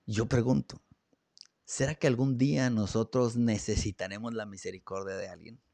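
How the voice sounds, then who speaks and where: A man hosting a reflective talk, earnest, asking rhetorical questions, with pauses and fillers, on a studio microphone. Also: fairly low pitch, steady tone, gravelly, warm tone, no echo. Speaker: host. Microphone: studio broadcast mic.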